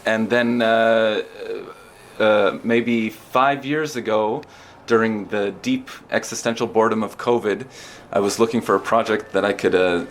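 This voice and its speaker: Low-voiced easygoing man author. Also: fairly bright tone, slight background noise. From United States. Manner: easygoing, many uh fillers. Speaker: author guest. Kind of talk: casual interview chat. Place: inside a sauna at an outdoor festival.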